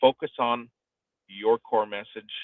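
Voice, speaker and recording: Through a live online audio room, a streaming coach hosts a discussion, giving conversational advice in an emphatic style and repeating phrases to add weight. His voice is lowish, fairly even and unhurried, with no room sound, but the call audio is tinny like a phone.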